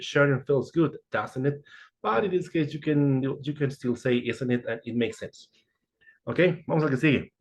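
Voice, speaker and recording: A man teaching English idioms in a casual online lesson, with playful asides. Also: mid-range voice. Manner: playful, switches between Spanish and English, joking asides.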